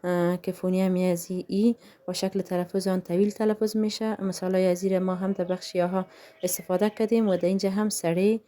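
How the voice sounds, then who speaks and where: Woman teacher, mellow voice, slow careful word-by-word reading. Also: on the low side, flat delivery. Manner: reads each term slowly one by one, then translates with many fillers. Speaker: language teacher. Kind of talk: bilingual lesson explaining and reading example words.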